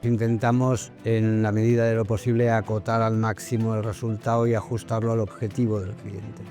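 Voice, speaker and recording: A man's voice: fairly low pitch, flat delivery, moderate pace, darkish tone, faint music behind. A man speaking as a private bank executive in a corporate interview, thoughtful and hesitant with many fillers.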